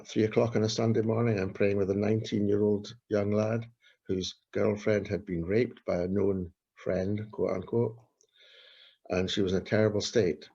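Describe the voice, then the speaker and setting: A man's voice: lowish voice, gravelly, mellow, husky. A man, a street pastor telling earnest stories in an interview and repeating his key phrases. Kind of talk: storytelling in an interview. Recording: dull lo-fi recording.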